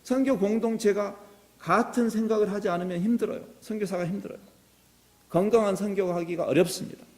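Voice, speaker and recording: A man's voice: high voice, fairly even intonation, a little fast, darkish tone. A middle-aged man preaching a sermon as a pastor, earnest and building to impassioned appeals. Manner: earnest, rising to impassioned exhortation. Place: church sanctuary. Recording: reverberant church hall.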